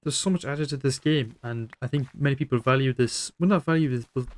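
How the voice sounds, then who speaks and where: A nineteen-year-old man rambling reflectively over gameplay, self-deprecating and swearing casually, his voice trailing off quietly. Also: medium pitch, a little fast. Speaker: gaming YouTuber.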